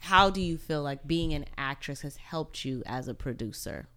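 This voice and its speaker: A woman interviewing a guest in a relaxed chat, agreeable and quick to affirm. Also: low voice, slight background noise. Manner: agreeable, lots of affirming backchannels.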